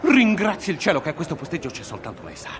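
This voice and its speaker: A man's voice: fairly high pitch, wildly swooping pitch, fast, fairly bright tone, slight background noise. A man playing a fussy, pompous passenger in a radio comedy sketch, easily flustered. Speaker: exasperated gentleman passenger.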